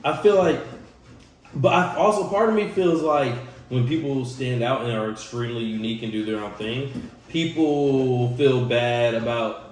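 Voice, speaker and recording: A man's voice: medium pitch, moderate pace, far from the mic. Man chatting casually in an echoey room. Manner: relaxed, conversational, many fillers. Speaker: reaction video host. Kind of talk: casual reaction chat. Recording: echoey room with faint noise.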